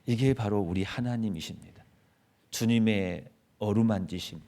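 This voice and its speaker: A man preaching a sermon as pastor, rising to loud rebuking quotes and then dropping soft and gentle. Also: lowish voice, normal speed. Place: church sanctuary.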